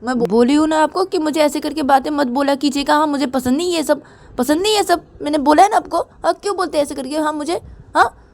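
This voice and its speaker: Woman putting on a high, whiny younger sister, petulant and quick to threaten, for a spoken storybook. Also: darkish tone. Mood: indignant.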